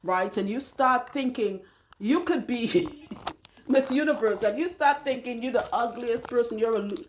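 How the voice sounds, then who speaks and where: A woman's voice: fairly high pitch, measured pace, a little hiss or hum. A woman who works as a loc stylist talks casually and bluntly to her viewers about her supplement routine, laughing often as she goes. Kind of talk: casual talk to camera.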